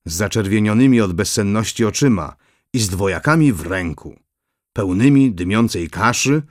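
A man narrating a historical novel in a steady, measured reading. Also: on the low side, dry recording, clean studio sound. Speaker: audiobook narrator.

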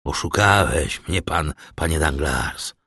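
A man's voice: very deep voice, expressive, slow, pushed and bright, husky, no echo, full character voice. A man reading the part of an agitated, conscience-torn man in an audiobook, indignant and raising his voice, in a dry recording. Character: frightened, conscience-torn male tailor.

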